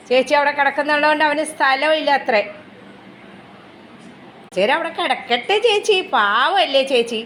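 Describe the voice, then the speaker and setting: A woman vlogger at home, softly pleading and coaxing her pet dog in affectionate pet talk. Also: high voice, slight background noise. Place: home indoors.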